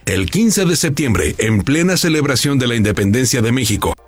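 A man reading a scripted news feature as narrator, measured and polished. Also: medium pitch, animated, slightly rough, no room sound. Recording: voice-over with faint music.

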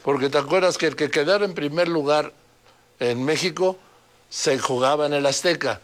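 A man's voice: fairly high pitch, normal speed. An older man, hosting an interview in a chatty way, prompting his guest with questions. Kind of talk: casual interview.

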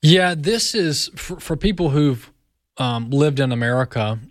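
A man's voice: on the high side, expressive, unhurried, no room sound, clean studio sound. A male radio talk show host interviewing a guest in a friendly, loose way with frequent fillers.

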